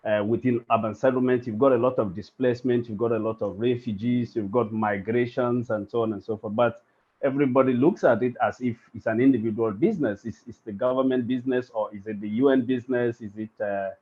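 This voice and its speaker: A man speaking as a panelist in a webinar, halting and often rephrasing as he goes. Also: medium pitch, fairly even intonation, husky. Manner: halting, circling back to rephrase. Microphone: video call. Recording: lo-fi call audio.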